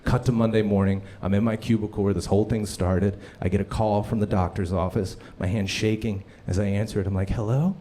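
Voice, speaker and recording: A man's voice: fairly low pitch, fairly quick, hardly any pauses, a little hiss or hum. A man doing a stand-up comedy set on a club stage, telling a story and acting out the voices of the people in it. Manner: animated storytelling, acts out voices.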